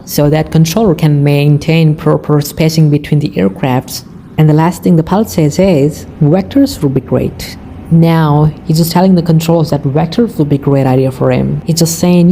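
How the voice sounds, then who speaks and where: An aviation video narrator with a deep, mellow female voice explains air traffic radio recordings. Her English is plain and informal, with non-native phrasing.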